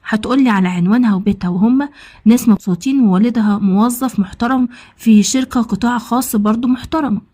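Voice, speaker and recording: A woman's voice: on the high side, mellow, natural voice. A woman narrating as an Egyptian man of thirty telling his story. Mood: eager. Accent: Egyptian Arabic. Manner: rapid, conversational retelling with quoted dialogue. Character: man around thirty, newly married, smitten and confessional. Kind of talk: first-person storytelling.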